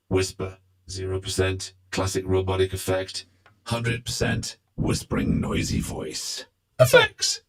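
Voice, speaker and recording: A man whose voice is formant-shifted and vocoder-processed so it sounds artificial and robot-like, reading a scripted rundown of features. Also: on the low side.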